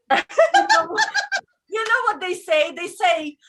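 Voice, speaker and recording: A woman doing stand-up, speaking English as a non-native, with a deadpan delivery full of fillers and restarts. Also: extremely high pitch, takes it slowly, over a noisy crowd, low-quality recording. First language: not English. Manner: deadpan, self-interrupting with fillers. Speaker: stand-up comedian. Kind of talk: stand-up set.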